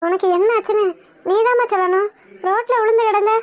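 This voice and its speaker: Anxious cartoon housewife, motherly and fussing, voiced by a woman; very high pitch, dry. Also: fairly even intonation, fairly quick, dry recording. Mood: worried, caring. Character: caring middle-aged village housewife, anxious. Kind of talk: cartoon voice acting.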